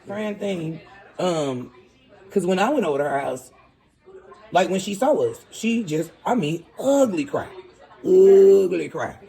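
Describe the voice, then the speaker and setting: A woman's voice: fairly low pitch, animated, measured pace, mellow, poor audio. A woman vlogger talking casually and directly to her viewers, chatty and candid. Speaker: vlogger host. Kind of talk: casual chat to camera.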